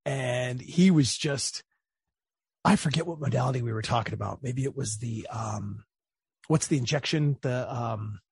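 A man interviews a guest casually in a creaky, husky, medium-pitched voice at a moderate pace, recorded with studio quality and no room sound. He's an animated storyteller, sharing anecdotes and acting out quotes.

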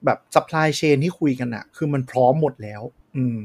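A man's voice: mid-range voice, moderate pace, darkish tone. Chatty man explaining tech news. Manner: explains at length with many fillers. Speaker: tech podcast co-host. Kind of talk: casual chat.

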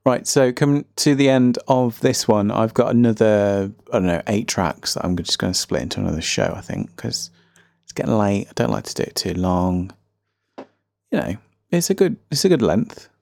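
A man's voice: on the low side, expressive, normal speed, creaky, a little mellow. A man with a faint Birmingham accent hosting a casual solo music podcast, chatty, rambling and self-deprecating. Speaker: podcast host.

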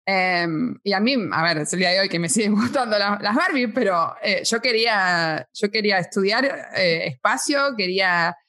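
A woman's voice: mid-range voice, moderate pace, hardly any pauses, pushed and bright. A woman in her thirties with a Buenos Aires accent, a guest chatting casually in an interview and laughing often. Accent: Rioplatense Spanish, Buenos Aires. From Argentina. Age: 30s. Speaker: guest, space science communicator.

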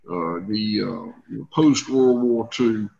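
A man's voice: fairly low pitch, slow, gravelly, dark tone, lo-fi sound. A man with a Southern accent from Georgia, giving conversational interview answers as a farmer. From rural Georgia, US. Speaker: guest, farmer.

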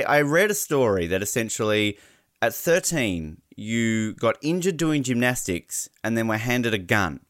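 Australian man hosting with very animated pitch. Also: clean tone, no echo, studio quality. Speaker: sports podcast host. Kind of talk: chatty podcast hosting.

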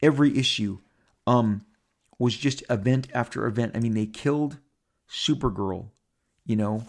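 Creaky and mid-range at a moderate pace, the voice belongs to a fifty-something podcast host telling listeners a casual, rambling story. He stays animated, restarts and repeats often, and acts out other people's lines in character.

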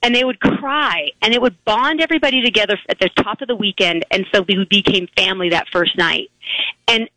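An older woman of grandmother age calls in to a radio show by phone to give a heartfelt testimonial. Her mid-range voice is hoarse yet bright and forward, and she speaks earnestly, warmly and emotionally, halting and restarting her sentences. The recording is dry and close.

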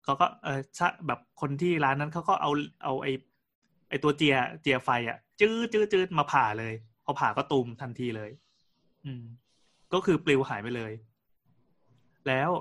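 A man's voice: fairly high pitch, animated, normal speed, fairly bright tone. A man co-hosting a podcast, telling a story in casual chat with frequent restarts and fillers. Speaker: podcast co-host.

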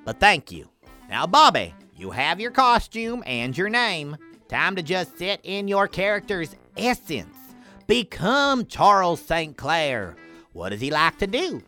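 A woman's voice: fairly low pitch, big pitch swings, measured pace, sharp tone, faint music behind, heavily acted. A woman voicing a boastful alien sidekick who fancies himself a great actor, grand and bossy in a children's audio drama. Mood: grandiose.

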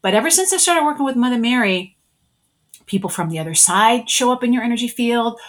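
A woman's voice: on the high side, lively intonation, a little fast. A middle-aged woman, a spiritual energy worker, telling her life story in a casual interview and acting out her own past thoughts.

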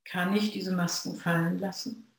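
A Zen practitioner gives a reflective dharma talk to a sangha, speaking in measured phrases with long pauses. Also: medium pitch, level tone, gravelly, fairly bright tone. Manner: slow, measured, pausing between phrases. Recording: very echoey room.

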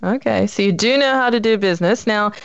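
A woman's voice: medium pitch, fairly quick, creaky, muffled recording. A woman hosting a marketing podcast, chatty and enthusiastic, often repeating words as she talks. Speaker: podcast host. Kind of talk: casual interview chat.

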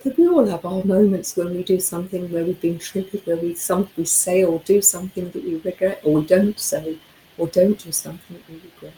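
A hoarse woman hosting a talk show, giving earnest coaching advice to listeners. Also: medium pitch, warm tone, a little hiss or hum, low-quality recording. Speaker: host. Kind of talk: motivational talk.

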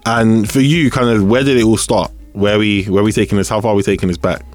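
A man hosting a podcast, talking in a relaxed, slangy way and laughing often. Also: on the low side, quick pace. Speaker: podcast host. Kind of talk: casual interview chat.

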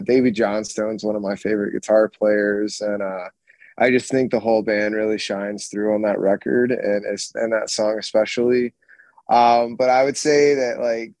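A man who plays in a rock band, telling stories in a rambling, animated way with lots of restarts. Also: fairly low pitch, dry recording. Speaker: guitarist and screamer in a rock band, guest. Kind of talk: casual storytelling chat.

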